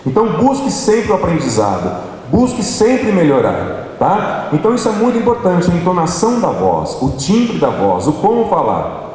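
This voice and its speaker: A Brazilian man speaking with a high, animated voice, his pitch swinging freely. He talks playfully and turns straight to the audience. His voice rings through a big echoey hall, heard from a distance with faint noise behind it. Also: normal speed. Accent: Brazilian Portuguese. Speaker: workshop speaker. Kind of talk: church workshop talk. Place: large hall. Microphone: handheld microphone.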